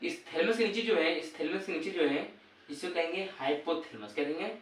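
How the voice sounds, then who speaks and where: A man's voice: fairly high pitch, a little fast, fairly bright tone, slight background noise. Repetitive quizzing male teacher, echoey. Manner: repetitive call-and-response quizzing. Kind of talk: classroom lesson. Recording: echoey room, voice from far off.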